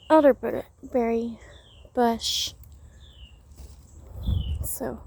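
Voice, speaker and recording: A woman breathing heavily as she gives a casual, unhurried gardening demonstration outdoors, talking while she works. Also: a little high, darkish tone. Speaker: gardener filming a how-to vlog.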